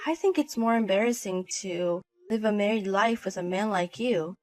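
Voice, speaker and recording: A woman's voice: medium pitch, normal speed, dry recording. A woman voicing a wife in a scripted drama, talking in a cold, cutting and dismissive way. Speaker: narrator and wife in a voiced story.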